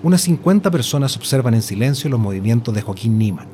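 A man's voice: medium pitch, animated, fast talker, warm tone, a little hiss or hum. A man reading a scripted journalistic story as narrator. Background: music.

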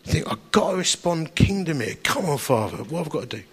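A man's voice: on the high side, sing-song, fast talker, creaky, slightly rough. A man with an Essex accent preaching through personal anecdote in a chatty, wry, self-deprecating storytelling manner. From Essex, England. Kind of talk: anecdotal sermon to an audience.

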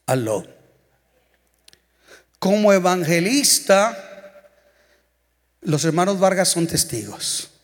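A man with a Mexican Spanish accent, an evangelist preaching a humorous, storytelling sermon. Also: fairly high pitch. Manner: storytelling, humorous, singing snippets. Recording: long church hall reverb.

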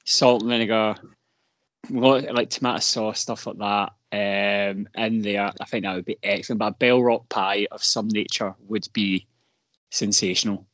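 A man's voice: on the low side, steady tone, moderate pace, a bit bright, dry recording. A man on a football fan podcast, telling rambling, self-mocking stories in casual chat. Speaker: podcast panelist. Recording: dry, dull lo-fi podcast audio.

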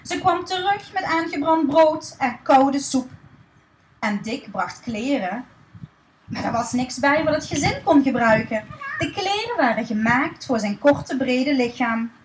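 A woman reading a children's story aloud in a lively, expressive way. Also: sits high, a little slow, roomy sound, slight background noise, low-quality recording.

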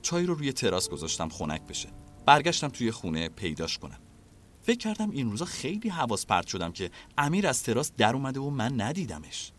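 A man reading a scripted story as narrator in an expressive way. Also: medium pitch, slight background noise.

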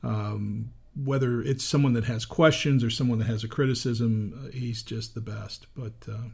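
A man hosting an interview, asking questions in a halting way with frequent restarts. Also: medium pitch, fairly even intonation, vocal fry, husky. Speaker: interviewer, host. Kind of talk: casual interview chat.

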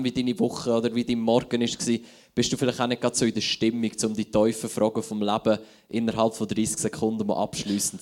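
A man's voice: medium pitch, a little mellow. Casting: Swiss German-accented pastor, thirties, loose conversational sermon delivery, mid-range male voice. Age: 30s. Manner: conversational, thinking aloud with restarts. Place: church hall.

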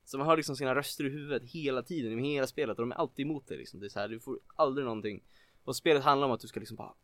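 A man co-hosting a casual chat about video games, rambling with lots of filler words and getting excited. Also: medium pitch, dry recording. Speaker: podcast co-host.

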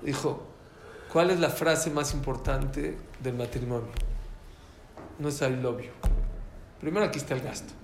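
A man giving an informal, joking talk to a live audience, repeating his key phrases in an animated way. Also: medium pitch, measured pace, gravelly, long pauses, roomy sound, slight background noise.

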